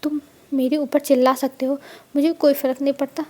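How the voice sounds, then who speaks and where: A woman's voice: high-pitched, level tone, fairly quick, darkish tone, natural voice. A woman voicing a devoted, reassuring young husband in a storybook reading, in her own plain voice. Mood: tender.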